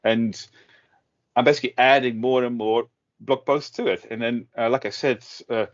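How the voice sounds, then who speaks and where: A man's voice: medium pitch, steady tone, moderate pace. A middle-aged man from the Netherlands, talking casually in an interview with many fillers and restarts. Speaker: guest, tech blogger. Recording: dull lo-fi audio.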